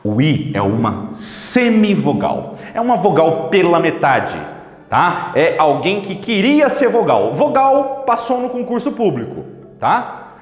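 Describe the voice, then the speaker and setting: A man's voice: high-pitched, wildly swooping pitch, slow. A man teaching in a playful, theatrical style, asking and answering his own questions. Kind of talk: energetic video lesson. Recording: echoey room with faint music.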